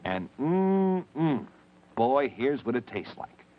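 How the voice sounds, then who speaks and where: A man's voice: medium pitch, sing-song, takes it slowly. A man hosting an old children's TV show, speaking in a folksy, exclamatory way to the kids. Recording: muffled, noisy old TV recording.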